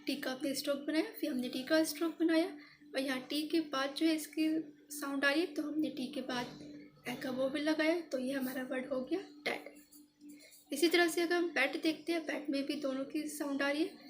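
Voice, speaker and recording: A woman's voice: high voice, fairly even intonation, moderate pace, noisy background. A woman explaining a shorthand lesson step by step, patient and repetitive, pointing out each stroke. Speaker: shorthand teacher.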